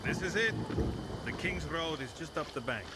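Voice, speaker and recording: A man's voice: fairly high pitch, expressive, normal speed, close to an everyday voice. Male actor as river ferryman, fantasy game, foreboding, curt, wary, noisy surroundings.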